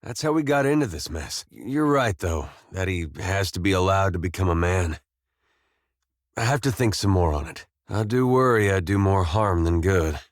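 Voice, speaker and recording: In video game companion dialogue, a former farmer now adventuring speaks in a deep male voice, troubled and thoughtful. He's gentle, loyal, and a bit weary of the world, with plain, folksy speech and hesitant, dry understatement. His intonation is lively, his pace moderate, and the recording very dry.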